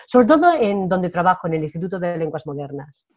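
Mellow low-voiced Spanish woman. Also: sing-song, a little fast. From Spain. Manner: reflective, chatty, laughs easily. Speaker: language teacher. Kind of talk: radio interview guest.

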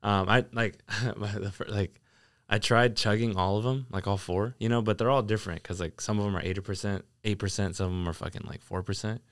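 Fast-talking young frat bro with clear voice. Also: male voice, on the low side, fairly even intonation, no room sound, clean studio sound. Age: young adult. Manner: frat-bro slang, lots of swearing. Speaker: podcast host. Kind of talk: casual chat with friends.

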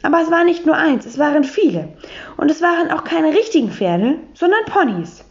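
A woman reading a children's storybook aloud, telling it lively in the first person as a boy. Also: sits high, a little fast. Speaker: audiobook reader. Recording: dull lo-fi recording.

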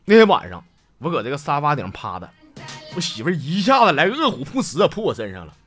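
A man with a Northeastern Mandarin accent tells funny stories as a show host, chatting along and chuckling at his own punchlines. His voice sits a little high and swings widely up and down. Music plays clearly underneath him. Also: wildly swooping pitch, quick pace, a bit bright. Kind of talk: comic storytelling show. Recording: music bed behind the voice.

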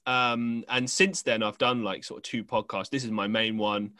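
A man's voice: lowish voice, steady tone, moderate pace, sharp tone, dry recording. A young man from England, a podcast host telling a story in casual conversation, rambling with many fillers and restarts.

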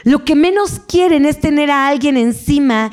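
High-voiced Mexican woman lecturing parents. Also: normal speed, darkish tone. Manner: keeps asking the audience "¿verdad?"; briefly acts out parents and children in dialogue. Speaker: speaker on parenting. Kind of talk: conference talk to parents.

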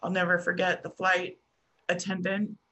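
A middle-aged American woman telling a personal story as a podcast guest, halting and restarting often with soft trailing pauses. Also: fairly low pitch, monotone. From United States.

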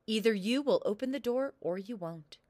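A woman's voice: fairly high pitch, expressive, normal speed, darkish tone, no room sound. A woman reading a storybook, voicing a stern, angry king who commands and roars. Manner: commanding, roaring.

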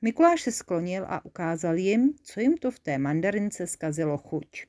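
A woman narrating a children's story in a lively, playful way. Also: lowish voice.

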